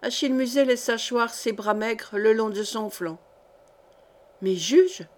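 A woman narrating a historical novel as an audiobook reader, in a measured, even reading. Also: on the high side.

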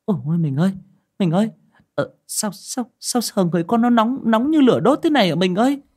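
A man raises his voice into a frantic mother calling out in panic, high and breathy, stumbling over her words. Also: animated, brisk, a little mellow. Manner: stammering, panicked. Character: frantic middle-aged mother.

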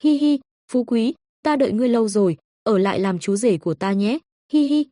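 A woman's voice: animated, fairly quick, warm tone, no echo, studio quality, lightly acted. A woman voicing a giggling paper-doll ghost bride, eerie and playful. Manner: high giggling, sing-song and menacing.

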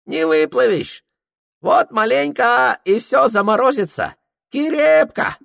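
A man's voice: very high voice, sing-song, slow, vocal fry, a bit bright, dry recording, studio quality, voice pushed up, full character voice. A man voicing an elderly hunter who speaks in broken grammar and short, clipped exclamations. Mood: stubborn, warning. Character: elderly Tungus hunter man, stubborn, fearful.

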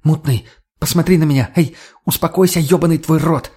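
A bossy, swearing young woman, raised high and loud in a husky voice, as a male reader puts her on. She snaps commands with urgent force in a storybook reading. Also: fairly quick. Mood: harsh, commanding. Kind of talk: audiobook character voicing.

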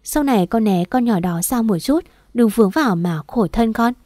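Storybook role: woman playing a kind, motherly older matron. Warm tone. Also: fairly high pitch, lively intonation, moderate pace, dry recording, studio quality. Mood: gentle. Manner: motherly, scolding yet gentle. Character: kind-hearted older third wife of the house.

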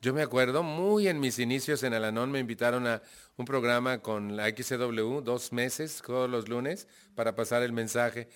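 This man's voice is mid-range, moving at a moderate pace. Speaking with a Mexican accent, he tells a group about his recovery, bringing his story to life with acted-out dialogue and questions to the audience.

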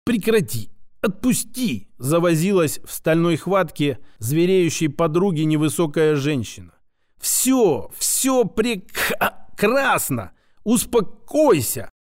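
A man's voice: on the high side, animated, slow pace. Man putting on a scornful plump lady scientist. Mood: panicked. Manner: mocking, name-calling, lecturing. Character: sarcastic plump female scientist, abrasive and scolding.

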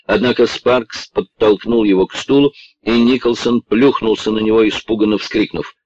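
A man narrating an audiobook in a measured, even storytelling manner. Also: fairly low pitch, no echo. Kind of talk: scripted narration. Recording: dull, muffled dry recording.

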